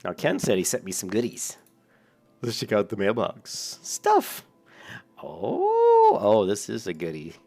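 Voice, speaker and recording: Male gaming host at home, low gravelly voice, chatty and self-correcting. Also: moderate pace, a little mellow. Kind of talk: casual gameplay commentary. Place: home room at a large desk. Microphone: desk mic.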